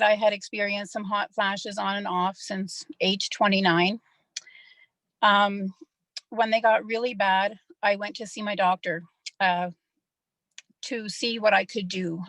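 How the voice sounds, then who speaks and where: A middle-aged woman gives a personal testimonial on an online call. She sounds a little nervous, and her voice sits at an average pitch with a dry, close sound. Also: a bit bright, dry recording, rough recording. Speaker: customer giving a testimonial.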